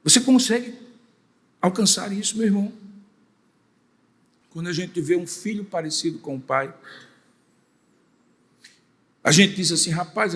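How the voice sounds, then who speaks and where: Older man, pastor, emphatic sermon, high voice, long church reverb. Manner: emphatic, with rhetorical questions and repeated phrases. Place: church sanctuary.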